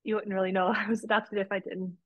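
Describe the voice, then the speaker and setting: Brief: young adult woman guest, earnest and open, mid-pitched, dry close-miked sound. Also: little pitch movement, quick pace, dry recording, lo-fi sound. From Romania. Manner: earnest, warm storytelling with frequent restarts. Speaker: podcast guest, policy advocate. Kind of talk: conversational interview.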